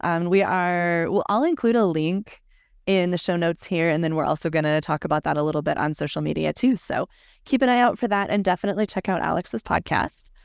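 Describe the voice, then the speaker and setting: A woman's voice: fairly low pitch, a little fast, creaky, clean tone, no room sound, studio quality. A woman co-hosting a podcast, speaking in an upbeat, welcoming way. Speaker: podcast co-host. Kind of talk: casual podcast chat.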